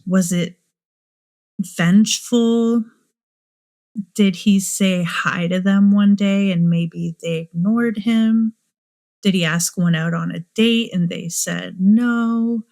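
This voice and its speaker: A woman's voice: mid-range voice, takes it slowly, gravelly, a little mellow. A woman hosting a true crime show, musing aloud and asking many rhetorical questions. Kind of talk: speculative true crime commentary.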